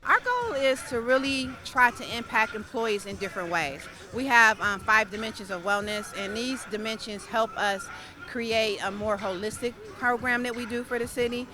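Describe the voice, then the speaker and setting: A woman's voice: a little high, expressive, normal speed. A woman speaking as a wellness program organizer in a news interview. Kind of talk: news interview sound bite.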